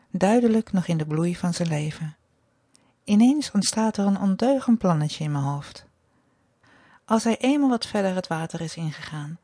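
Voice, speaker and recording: A woman hosting an adult radio show, reading her own erotic fantasy aloud in a slow, measured, dominant way. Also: lowish voice, warm tone, dry recording.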